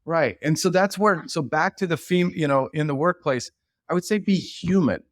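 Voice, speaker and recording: A middle-aged man, a leadership expert guesting on a podcast, telling stories in an animated, rambling way with many restarts. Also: on the high side, normal speed, no echo, clean studio sound. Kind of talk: casual podcast conversation.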